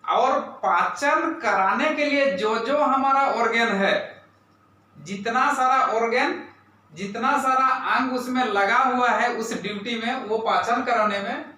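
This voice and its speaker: A man's voice: very high-pitched, bright, forceful tone. A man teaching a classroom science lesson, quizzing his pupils and repeating key terms. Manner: asks pupils questions, repeats terms, says "right?" often. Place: classroom, indoors. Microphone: camera far off in the room. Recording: very echoey room, voice from far off.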